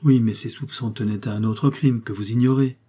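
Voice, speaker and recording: A man reading aloud plays a reluctant, anxious aunt who speaks hesitantly and pleads. The voice stays dark and slightly husky, as in a spoken storybook. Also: medium pitch, steady tone, brisk, natural voice.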